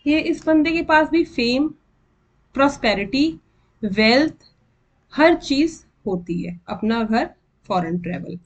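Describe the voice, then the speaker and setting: High voiced indian woman, slow careful teaching, repeats stuff. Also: expressive, muffled recording. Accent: Indian English mixed with Hindi. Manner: slow, deliberate, counts and repeats terms. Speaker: astrology teacher. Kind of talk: explanatory lesson.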